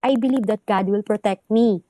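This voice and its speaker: A woman's voice: medium pitch, normal speed, heavy background noise. A woman answering questions in a played interview clip, earnest and defensive.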